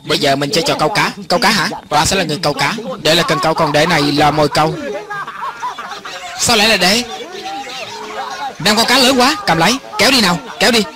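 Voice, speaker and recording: A man reading every part of a film as a voice-over, in an even and lightly acted way. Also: a little high, rapid-fire, hardly any pauses, crowd noise. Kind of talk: lector voice-over reading all parts.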